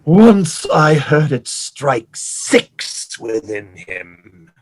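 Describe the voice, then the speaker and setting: An actor playing a vengeful, scheming pirate captain in an audio play, with a grandiose, drawn-out, melodramatic delivery. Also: male voice, fairly high pitch, very animated, full character voice. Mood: haunted dread.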